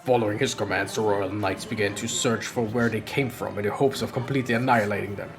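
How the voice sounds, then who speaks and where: A streamer voicing Omnimon, a grave armored knight guardian, in a forced, strained deep voice with a formal, measured way of explaining. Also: fairly even intonation, over music, lightly acted. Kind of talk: game dialogue read aloud.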